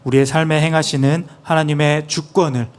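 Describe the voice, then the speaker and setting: A man's voice: a little high, fairly even intonation, brisk. A man interpreting a sermon phrase by phrase, earnest and plain, with small restarts.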